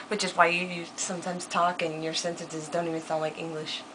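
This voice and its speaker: Bright-voiced young woman vlogger, cursing freely. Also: on the low side, a little hiss or hum, rough recording. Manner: animated, laughing, quick to curse. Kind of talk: casual chat, swearing freely.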